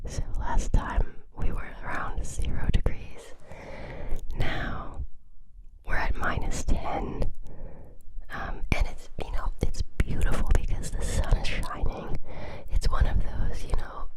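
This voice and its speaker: ASMR whisper, close to the ear, breathy, unvoiced, casual chatty delivery, close microphone. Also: slow pace, low-quality recording. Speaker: ASMR video creator.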